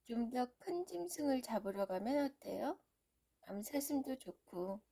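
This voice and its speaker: Woman acting a haughty young noblewoman, coy, condescending, storybook for a young child, mellow. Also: a little high, expressive, a little slow, creaky, full character voice. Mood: coaxing.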